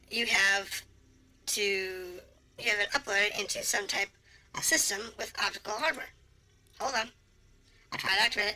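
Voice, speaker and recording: Woman streamer, very bright and sharp tone, hesitant reading of game lines with fillers and the odd animal noise. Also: medium pitch. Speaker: gameplay streamer reading dialogue aloud.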